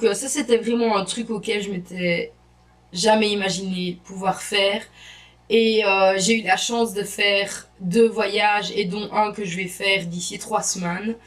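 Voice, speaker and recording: A young woman, chatting enthusiastically to camera as an exchange student vlogger. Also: medium pitch. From Belgium. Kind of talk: casual vlog to camera. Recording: voice a bit distant from the mic.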